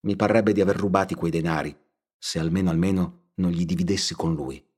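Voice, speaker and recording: A man voicing a humble, pious young village woman who speaks earnestly, gently and firmly in an audiobook reading. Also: deep voice, steady tone, a little fast, husky.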